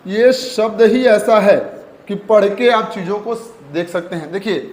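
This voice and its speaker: A man's voice: high voice, a little slow, darkish tone. A man teaching a Hindi grammar lesson, calling his students "beta" and "bachche" and repeating each key point. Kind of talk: classroom lesson. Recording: echoey room.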